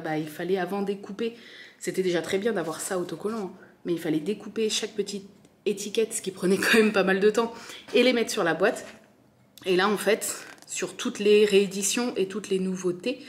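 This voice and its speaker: A woman's voice: medium pitch, a little mellow. A French woman with a French accent, chatting casually and enthusiastically as she unboxes a craft kit, full of fillers and repeated words. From France. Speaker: crafting vlogger.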